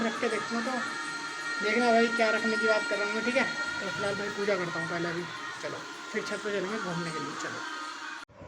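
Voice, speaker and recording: A young man narrating his daily vlog at home in a casual, chatty way, filling his talk with "bhai" and "theek hai" and sometimes dropping to a hush. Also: high-pitched. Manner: drops to a hushed voice at night. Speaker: vlogger. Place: family home and rooftop. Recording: noisy home phone recording.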